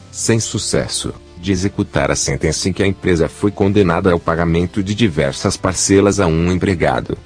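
A man's voice: low voice, a little mellow. A synthesized text-to-speech male voice with a Brazilian accent, reading scripted news as a podcast presenter.

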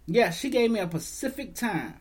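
A man's voice: high-pitched, sing-song, moderate pace, slightly rough. A young man, a store manager, telling a work story in a casual, profane, exasperated rant.

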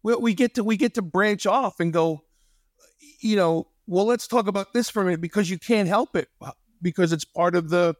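Male podcast co-host, slightly higher voice, dry close mic, rambling storyteller. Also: moderate pace, no echo. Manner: rambling, folksy, tells stories. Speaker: podcast co-host, former wrestling trainer. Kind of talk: casual podcast chat.

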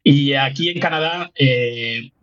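A man's voice: medium pitch, takes it slowly, fairly bright tone, highs cut off. A man from Spain with a Spanish accent, a guest chatting animatedly in an interview, laughing often and restarting his sentences. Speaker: guest researcher. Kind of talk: casual interview chat.

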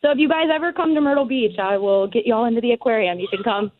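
A young woman from Maryland in the United States calls in by phone, chatting in a friendly, casual way about her work as an aquarium scuba diver. Her voice is a little high and quick, heard over a narrow, tinny phone line.

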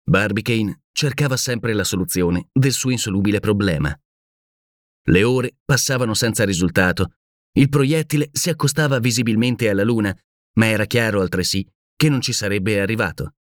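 A man narrating a classic novel for an audiobook in a steady, measured way. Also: fairly low pitch, no echo, studio quality.

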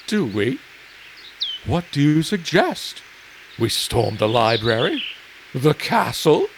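A man's voice: medium pitch, very animated, takes it slowly, background noise. A man voicing a proud, prickly talking owl in an audio drama, haughty and scornful. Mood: dry, scornful. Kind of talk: dramatic audio fiction acting. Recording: clear birdsong and outdoor ambience behind. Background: birdsong, outdoor ambience.

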